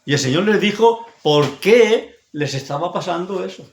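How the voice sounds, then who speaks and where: Emphatic Spanish preacher in an echoey hall. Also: male voice, high voice, lively intonation, moderate pace, a little hiss or hum. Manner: emphatic, repetitive, frequent tag questions. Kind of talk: sermon.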